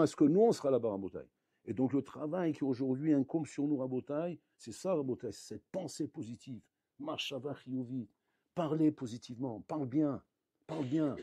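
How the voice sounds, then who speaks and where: A man, a rabbi, giving a lively Torah lesson, acting out little dialogues and swinging between loud outbursts and quiet asides. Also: mid-range voice, husky, dry recording. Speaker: rabbi teaching a Torah class.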